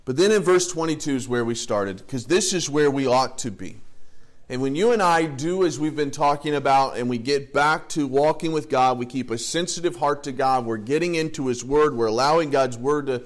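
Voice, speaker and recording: A man's voice: mid-range voice, normal speed. A male pastor preaching a sermon in a conversational way, with joking asides and lists read with rising emphasis.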